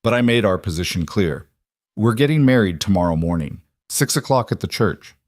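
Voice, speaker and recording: A man playing a stoic, flat-voiced rancher. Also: lowish voice, normal speed, no room sound, clean studio sound. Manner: flat, clipped, steady.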